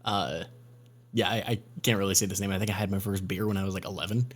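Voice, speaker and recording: Deep-voiced young man, rambling. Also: fast talker. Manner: relaxed, rambling with restarts. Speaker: podcast co-host. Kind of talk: casual chat.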